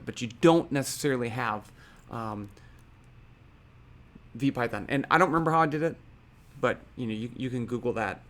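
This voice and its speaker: A man hosting a physics coding tutorial, talking casually and thinking aloud with fillers and small self-corrections. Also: mid-range voice.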